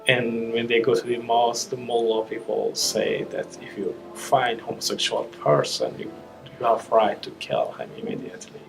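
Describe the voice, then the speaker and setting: A man gives halting personal testimony in a gravelly, fry-edged voice at an ordinary pitch. Music plays behind him. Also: poor audio. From Afghanistan. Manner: halting, searching for words. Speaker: interviewee, asylum seeker.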